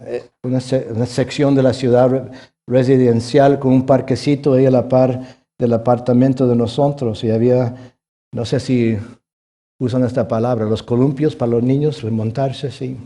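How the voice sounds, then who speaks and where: A middle-aged male pastor preaching a sermon, rising to loud emphatic peaks and dropping to hushed tones, often tossing in a questioning "ah?" to the congregation. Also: medium pitch. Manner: swings between loud emphatic rises and hushed quiet passages; punctuates points with questioning "ah?" tags.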